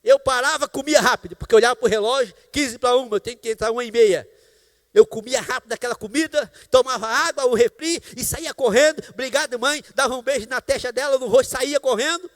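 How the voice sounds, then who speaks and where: A man's voice: extremely high pitch, fast talker, in a large hall. A man pastor with a Brazilian Portuguese accent, preaching a sermon in a large church and telling a personal testimony with exclamations of praise. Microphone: live stream church microphone.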